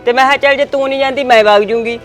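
A woman's voice: sits high, fairly even intonation, rapid-fire, soft background music, lightly acted. A woman playing a timid young village wife, hesitant and complaining. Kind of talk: village short film acting.

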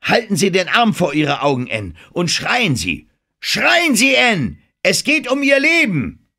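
A man's voice: a little high, huge pitch swings, moderate pace, voice pushed up, exaggerated voice. A man voicing a driven male film director who urgently coaches an actress through a scene in an audiobook. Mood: shouting. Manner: commanding, urgent, rising to shouts.

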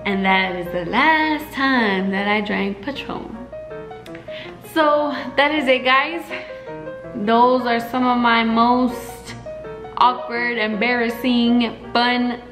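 A woman's voice: fairly high pitch, takes it slowly, roomy sound, over music, rough recording. A young adult woman telling casual stories to camera in a chatty way, acting out the quotes with lots of fillers. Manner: chatty, animated quoting with frequent fillers. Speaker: vlogger. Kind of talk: casual storytelling.

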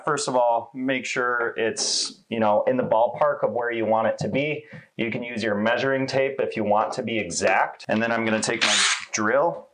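A man in his thirties casually walking through a laundry installation step by step in a small laundry room, relaxed and conversational. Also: lowish voice, a little hiss or hum. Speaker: installation demonstrator. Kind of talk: casual how-to walkthrough.

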